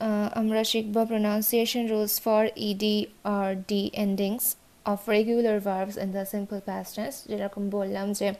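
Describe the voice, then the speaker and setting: Slow, deliberate woman teaching pronunciation. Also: medium pitch, darkish tone. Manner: slow, deliberate, repeats and spells out words. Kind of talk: bilingual classroom lesson.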